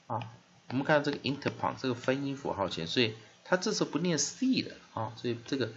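A man explains English spelling and pronunciation, repeating each syllable slowly. His voice has a gravelly texture. The recording is dull and lo-fi with a faint hiss underneath. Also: mid-range voice, fairly bright tone. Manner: drawn-out repeated demonstration of word sounds, many filler "ah"s. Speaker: English teacher. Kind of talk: spelling and phonics lesson.

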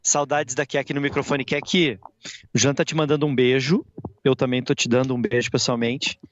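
A man reporting from the stadium after a football match, relaxed and conversational. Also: medium pitch, moderate pace, no room sound. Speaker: pitchside reporter. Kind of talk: live football post-match talk. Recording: dull lo-fi remote feed.

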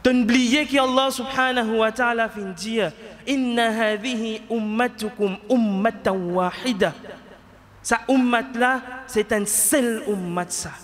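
This imam, a man in his thirties with a Mauritian Creole accent, has an extremely high, fairly bright voice with a steady tone and measured pace, heard with a big-room sound. He gives a Friday sermon indoors in a mosque prayer hall at a stand mic close to his mouth. He asks rhetorical questions with passion and shifts into Arabic recitation.

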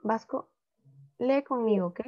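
A woman teaching an online English class to children, modelling phrases slowly and explaining in Spanish. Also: fairly high pitch. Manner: patient, slow model reading, switches to Spanish to explain. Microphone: video call. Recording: dull lo-fi call audio.

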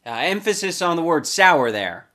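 A young man delivering sarcastic comedy commentary, crude and mocking, his voice swinging up and down with lively expression. He sits a touch high for a man. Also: moderate pace, soft background music. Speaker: comedy video host.

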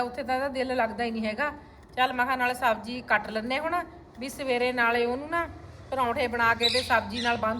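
A woman's voice: a little high, pushed and bright, a little hiss or hum. A woman chatting casually to viewers at home as a vlogger. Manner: chatty, addresses viewers directly. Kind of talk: casual home vlog narration. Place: family home with courtyard.

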